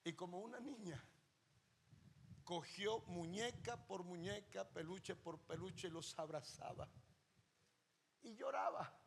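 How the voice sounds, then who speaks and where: A man preaching a sermon as pastor, impassioned, moving between loud emphasis and hushed storytelling. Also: sits high, slow pace, gravelly, pauses often, a little hiss or hum. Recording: long reverb of a large hall.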